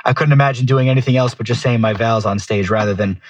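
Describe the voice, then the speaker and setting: A man's voice: medium pitch, fast talker. Slangy man telling casual stories. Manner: slangy, peppers talk with dude and bro. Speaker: guest falconer telling stories. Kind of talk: casual chat, animated storytelling.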